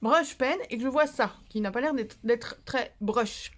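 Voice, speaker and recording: A woman's voice: a little high, unhurried, a bit bright. A woman chatting casually in a craft haul vlog, rambling with fillers and making fun of herself. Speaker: craft vlogger.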